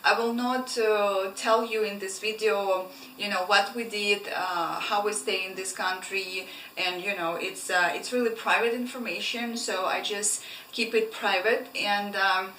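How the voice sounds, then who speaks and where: A young Ukrainian woman, a travel vlogger, chats casually with lots of fillers and restarts. Her mid-range voice is sharp in tone, with fairly even intonation and a measured pace. The mic sits slightly distant in a roomy space with faint room noise.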